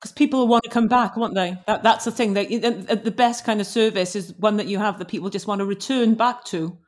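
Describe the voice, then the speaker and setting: A woman's voice: mid-range voice, fairly quick. A woman interviewing guests in a casual chat, tagging her points with questions like "right?". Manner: chatty, says "right?" a lot. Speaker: interviewer and author.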